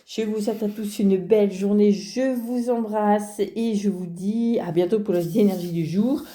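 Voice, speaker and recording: A woman giving a casual card reading to her viewers, talking straight to them with many pauses and restarts. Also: mid-range voice, warm tone. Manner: hesitant, many fillers and restarts, addresses viewer directly. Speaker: card reader. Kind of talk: casual spoken tarot reading.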